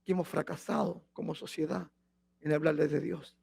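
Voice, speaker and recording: A male pastor delivers a sermon in a fairly high voice. He reads scripture with rising emphasis and keeps pressing his listeners with rhetorical questions. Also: level tone, normal speed, gravelly, darkish tone, husky.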